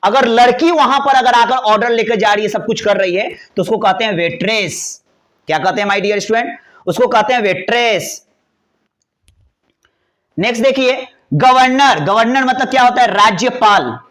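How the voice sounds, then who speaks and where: A man teaching English grammar words in a chatty, playful way, spelling words out letter by letter and drawing key words out slowly. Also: very high-pitched, a bit bright. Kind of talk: classroom lesson explaining vocabulary.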